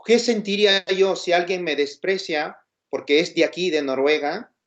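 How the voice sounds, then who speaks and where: A man from Peru, speaking with a Peruvian Spanish accent, gives an informal, explanatory lecture, asking questions and checking in with his listeners. His voice sits high and moves at a normal speed. The recording sounds dull and lo-fi.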